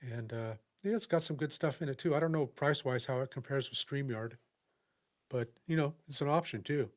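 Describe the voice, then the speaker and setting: An older man, a guest on a casual livestream, speaking in a relaxed, hesitant way with many fillers. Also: mid-range voice, a little fast.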